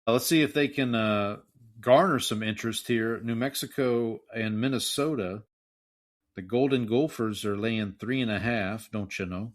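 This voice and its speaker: Guy cohosting a podcast, reads the betting lines flat and wry, medium voice. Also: medium pitch, normal speed. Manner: wry, reads matchups and spreads plainly. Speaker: podcast co-host. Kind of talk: casual sports-betting chat.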